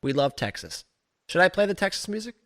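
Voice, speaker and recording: Rambling higher-voiced man co-host. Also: big pitch swings, fairly quick. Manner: rambling, chuckling, reads news aloud. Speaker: podcast co-host. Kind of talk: casual live-stream chat.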